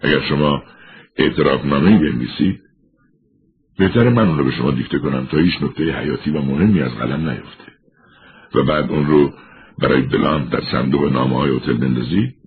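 A man voicing a level-headed male investigator who speaks in a measured, even way. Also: extremely low pitch. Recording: tinny narrow-band recording.

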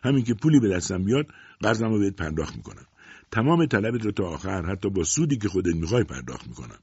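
A man's voice: low-pitched, sing-song, darkish tone, slightly rough, no echo, lo-fi sound, full character voice. A man voicing a young man who pleads earnestly and insistently with his father in an audiobook.

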